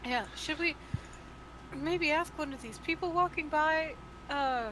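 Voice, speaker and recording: A woman's voice: high-pitched, unhurried, background noise. A woman playing a tabletop game, chatting in a casual, playful way.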